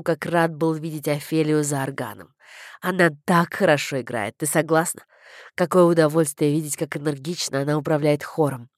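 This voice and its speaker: A fussy, chatty old village vicar, voiced by a woman reading an audiobook speaks in a deep, slow register full of rambling asides. The recording is dry and close. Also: no echo, lightly acted. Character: fussy talkative older male village vicar.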